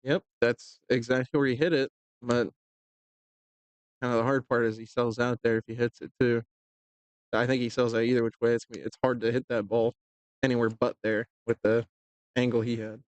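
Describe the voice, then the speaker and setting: A man's voice: mid-range voice, a little fast, pauses often, no room sound. Easygoing man doing pool commentary. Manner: relaxed and joking, with fillers. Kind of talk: casual live commentary.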